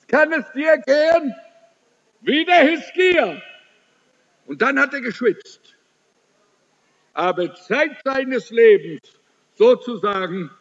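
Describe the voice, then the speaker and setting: Male preacher, very high voice, drawn-out delivery, stern and emphatic; muffled recording with long hall echo. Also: a bit bright. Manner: slow, emphatic preaching with sudden rises and drops in pitch; addresses listeners directly, scolding. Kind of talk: sermon.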